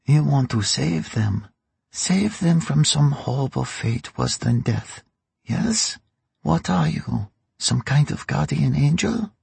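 A man voicing a raspy old crime matriarch. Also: medium pitch, expressive, takes it slowly, a little mellow, no echo, voice pushed up, exaggerated voice. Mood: probing. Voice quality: dry and raspy. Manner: mocking, sly, bargaining. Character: old female crime boss, dry, sly, ruthless. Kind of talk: audiobook character reading.

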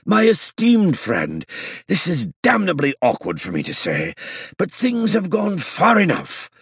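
Fussy elderly showman, high and lively, husky, as a male narrator puts him on. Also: a little slow, dry recording, clean studio sound, heavily acted. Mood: agitated. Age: older. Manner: flustered, theatrical, sprinkles French phrases.

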